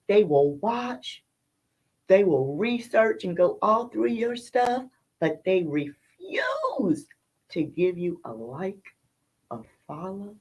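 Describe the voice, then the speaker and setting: A woman's voice: on the high side, darkish tone, highs cut off. A woman hosting a casual interview chat in a playful, slangy way. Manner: playful, slangy, drawn-out emphasis. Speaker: podcast host.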